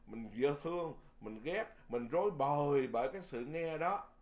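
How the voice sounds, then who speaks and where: A man who is a Buddhist monk, giving a Dharma sermon in a lively, folksy way, often repeating words and chuckling. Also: on the high side, normal speed.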